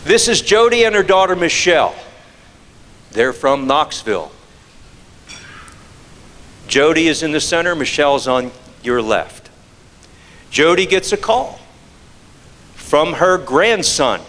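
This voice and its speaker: A man's voice: on the high side, animated, slow, long pauses, fairly bright tone, in a large hall, slight background noise. A man giving a scam-prevention presentation to an audience, firing off rhetorical questions and repeating key phrases for emphasis. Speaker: fraud prevention speaker.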